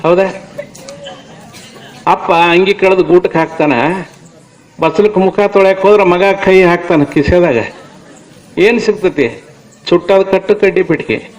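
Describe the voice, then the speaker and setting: A man with a North Karnataka accent preaches to a village gathering in a high, ringing voice. He is emphatic and throws rhetorical question after question at the listeners. His tone is that of a devotional discourse. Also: steady tone, measured pace, long pauses, dull audio, some chatter behind. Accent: North Karnataka Kannada. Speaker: religious discourse speaker. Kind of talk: devotional sermon to a village audience.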